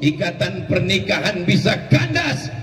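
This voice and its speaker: A man preaching at a large outdoor rally, shouting rhetorical questions and leading the crowd in call-and-response. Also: high-pitched, big pitch swings, a little slow. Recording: echoey public address heard from far off.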